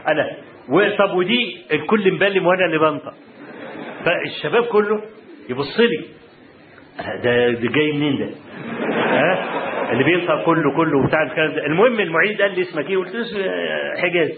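A man with an Egyptian Arabic accent telling students about his college days, animated, often checking in with the audience. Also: a little high, fast talker, roomy sound, narrow, tinny audio, noisy background. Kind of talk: storytelling talk to students. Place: lecture hall.

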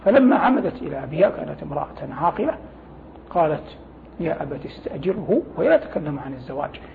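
A man's voice: a little high, sing-song, gravelly. A man speaking as a religious scholar, explaining scripture didactically in formal Arabic and reciting quotations. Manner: didactic, formal Arabic with pauses to gloss phrases. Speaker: religious scholar, programme guest. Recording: thin phone-like sound with faint noise.

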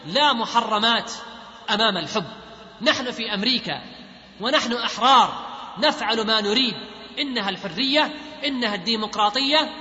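A carefree, boastful young husband, voiced by a man reading his lines. The voice is very high and bright. It echoes in a hall on a dull lo-fi recording. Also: a little hiss or hum, full character voice. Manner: declaiming, read out plainly.

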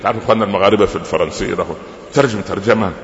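Fast-talking Egyptian preacher in an echoey hall. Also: male voice, deep voice. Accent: Egyptian Arabic. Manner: lively storytelling with rhetorical questions and humorous asides. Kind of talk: sermon lecture. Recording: echoey hall, lo-fi with faint noise.

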